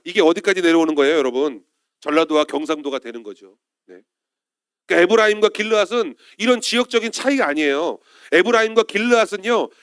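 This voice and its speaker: Pastor man, slightly high, dry sound. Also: no echo. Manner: often turns to the congregation with questions. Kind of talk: afternoon Sunday sermon. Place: church.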